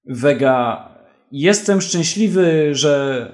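Man reading brash young smuggler, urgent shouts, slow delivery. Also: on the high side, lively intonation. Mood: smug. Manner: shouting urgently over danger.

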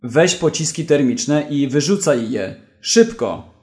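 A man's voice: on the high side, animated, takes it slowly. A man doing a cocky young smuggler. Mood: urgent. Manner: shouting urgently over danger.

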